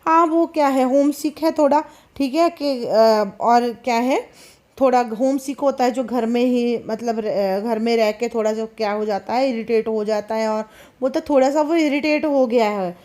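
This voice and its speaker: A woman teacher, slowly reading a story aloud and explaining it line by line, with many fillers. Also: on the high side, mellow. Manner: slow, halting reading with frequent fillers.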